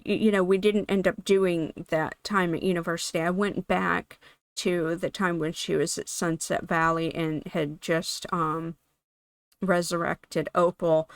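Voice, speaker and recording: A woman talking casually over her gameplay footage in a meandering, chatty way, her voice hoarse from being sick. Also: fairly low pitch, dry recording. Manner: meandering, self-correcting, chatty. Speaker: gaming channel host.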